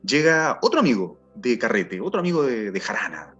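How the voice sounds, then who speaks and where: Chilean man, middle-aged, personal testimony, earnest, halting, repeats words, dull sound, faint music. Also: medium pitch, big pitch swings, fairly bright tone, husky. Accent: Chilean Spanish. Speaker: testimony speaker.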